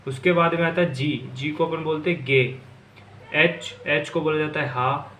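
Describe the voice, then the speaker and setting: A man teaching a language lesson in a patient, repetitive way, drawing out the words he wants his students to remember. His voice sits a little high for a man. The sound is roomy and echoey, with a faint ambient hum underneath. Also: fairly even intonation, moderate pace, fairly bright tone.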